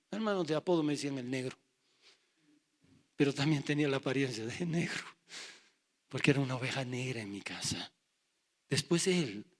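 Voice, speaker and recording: A man's voice: medium pitch, pushed and bright. A middle-aged male pastor giving a sermon, telling his testimony and acting out his family's voices. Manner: acts out family dialogue in raised voices.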